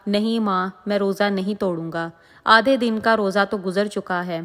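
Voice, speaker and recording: A woman's voice: medium pitch, a bit bright, natural voice. Brief: young boy, earnest and stubborn, in a narrated story, read by a woman, long reverb.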